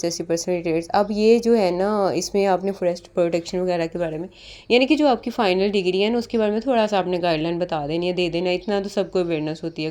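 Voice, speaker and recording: Woman tutor with a mellow, lowish voice. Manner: explains step by step, often repeats "ठीक है"; mixes English terms into Urdu. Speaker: interview prep tutor. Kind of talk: casual spoken lesson.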